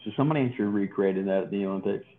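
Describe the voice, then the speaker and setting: A man's voice: lowish voice, rapid-fire. Joking podcast man on a tinny line. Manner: joking, rambling with many restarts. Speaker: podcast co-host. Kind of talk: casual podcast chat. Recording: tinny phone-like sound.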